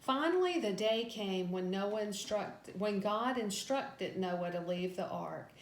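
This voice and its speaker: A woman's voice: mid-range voice, takes it slowly. Echoey recording of a woman reading Bible stories. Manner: storytelling, narrative delivery. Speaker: Sunday school teacher. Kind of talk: reading a scripted Bible story lesson aloud. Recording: echoey room with background noise.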